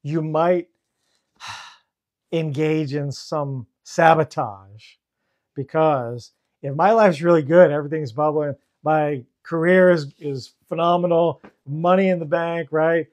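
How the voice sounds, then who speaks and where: A man, a therapist co-hosting a podcast, explaining calmly and mixing clinical terms with casual swearing. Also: fairly high pitch, slow. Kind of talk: casual chat.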